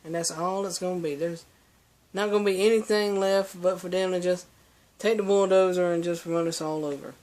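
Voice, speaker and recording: A young man with a high voice rants at length in a preachy monologue. He stumbles through restarts and fillers as he lectures his listeners. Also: steady tone, moderate pace, a little mellow. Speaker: vlogger. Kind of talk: opinion monologue to camera.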